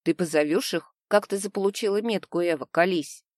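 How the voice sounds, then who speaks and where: A woman's voice: lowish voice, a little fast, darkish tone, dry recording, studio quality, natural voice. A woman voicing a sly, pushy young man who likes to interrogate others and speaks in a taunting, mocking way. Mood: prying.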